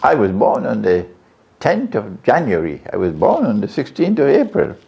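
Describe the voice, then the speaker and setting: With a fairly low, creaky, mellow voice whose pitch swoops wildly, this man preaches an Islamic religious lecture at normal speed. He questions the live audience and keeps repeating key phrases. It's a dull, lo-fi recording made at the lecture venue.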